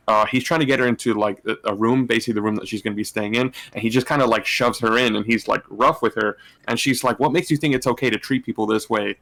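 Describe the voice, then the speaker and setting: A man's voice: lowish voice, a bit bright. A man gushing as a fan in casual co-host chat, telling anecdotes in loose, slangy, sweary language. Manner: gushing, admiring fan talk. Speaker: podcast co-host. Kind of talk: casual chat about comics and games.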